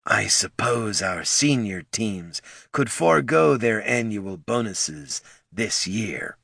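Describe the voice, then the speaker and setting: A raspy ancient dwarf banker, cornered and gruff, speaking low and subdued in a dry, close sound, as a man reads him. His voice sits in a steady lower register. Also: takes it slowly, no echo, exaggerated voice. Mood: grudging.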